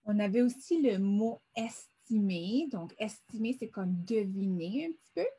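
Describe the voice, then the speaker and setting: A woman's voice: medium pitch, animated, a little slow, warm tone, breathy edge. A middle-aged woman teaching a vocabulary lesson over a screen, patiently sounding words out syllable by syllable.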